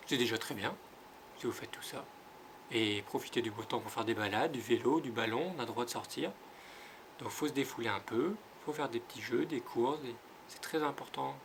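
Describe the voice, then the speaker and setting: A man with a French accent, a kindergarten teacher giving a home-school phonics lesson, sounding out letters slowly and clearly. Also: medium pitch, slight background noise.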